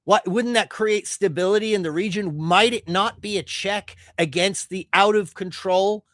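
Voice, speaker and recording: A man's voice: sits high, normal speed, a bit bright, no room sound, clean studio sound. Heated, swearing male commentator. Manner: heated, profane, sarcastic. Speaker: streamer. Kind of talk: ranting political commentary.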